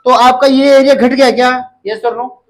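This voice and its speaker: High-voiced man lecturing a class. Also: steady tone, moderate pace, low-quality recording. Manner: asks the class questions and repeats key terms. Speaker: nursing exam teacher.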